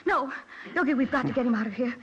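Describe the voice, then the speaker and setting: A woman's voice: sits high, fast, fairly bright tone, highs cut off, slight background noise. A woman playing an anxious, imperious princess in a radio drama, urgent and dramatic. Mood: alarmed. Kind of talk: old-time radio drama acting.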